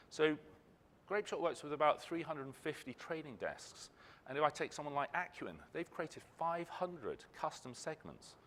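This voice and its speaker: A man's voice: mid-range voice, a bit bright. A man giving a conference presentation, speaking with emphatic phrasing and posing rhetorical questions. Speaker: ad technology company speaker. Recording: reverberant hall.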